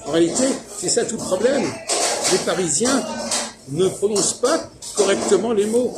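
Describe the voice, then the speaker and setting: A man leads a casual philosophical conversation, pressing his partner with questions and correcting him. His voice sits on the higher side. Loud background music plays in the fast-food restaurant where it was recorded. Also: lively intonation. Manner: insistent, explains and pushes back. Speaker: host asking questions. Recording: loud music playing behind.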